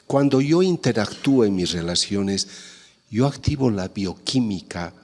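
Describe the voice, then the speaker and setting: Husky-voiced man lecturing in a hall. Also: fairly low pitch, expressive, a little slow. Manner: explains with acted-out family dialogues. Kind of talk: conference talk. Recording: long hall reverb.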